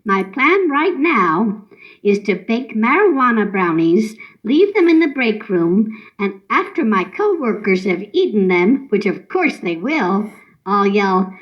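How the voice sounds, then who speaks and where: A woman's voice: mid-range voice, sing-song, slow, muffled recording. A woman delivering a comic monologue as a patient telling her doctor about her surprises, chirpy, self-satisfied and oblivious.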